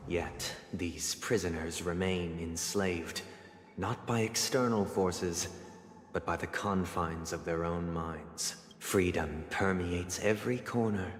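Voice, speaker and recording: An actor playing a grandiose game villain who narrates in a slow, theatrical, menacing monologue. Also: male voice, deep voice. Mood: grave, menacing. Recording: echoey hall reverb, game music underneath.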